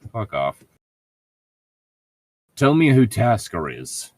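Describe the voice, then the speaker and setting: In a clean studio recording with no room sound, a male co-host reads fan fiction aloud slowly, his voice on the low side and very animated. The narration is punctuated by mocking commentary full of sarcasm, swearing, and irreverence.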